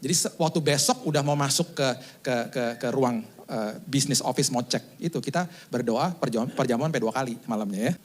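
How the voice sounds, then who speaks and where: A man's voice: medium pitch, fairly quick. A middle-aged man, a pastor, giving a sermon with a personal story, acting out scenes with laughing asides.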